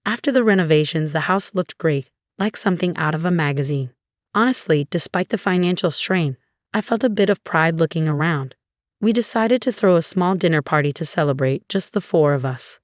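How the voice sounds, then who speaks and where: Low-voiced woman narrating a story. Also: animated, a little fast, no room sound, clean studio sound. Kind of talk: scripted first-person story narration.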